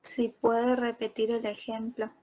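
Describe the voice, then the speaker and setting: A woman's voice: on the high side, little pitch movement, a little slow, warm tone. A female student asking the teacher to repeat something over an online class connection that keeps breaking up. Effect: choppy connection breaking up. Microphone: video call. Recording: muffled, distant call line.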